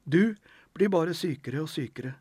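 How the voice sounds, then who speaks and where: A protective thirteen-year-old boy who speaks firmly and will not be argued with, as a male narrator puts him on. His husky voice rises a little above the narrator's own. The recording is close and dry. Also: fairly high pitch, expressive, darkish tone, no echo, voice pushed up. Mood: insistent. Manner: firm, insistent.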